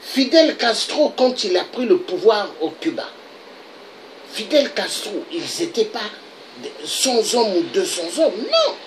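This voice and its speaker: A political video blogger from the Republic of the Congo delivers an impassioned monologue, firing off repeated rhetorical questions. His voice is high and sing-song at a slow pace, and the poor audio carries a little hiss or hum.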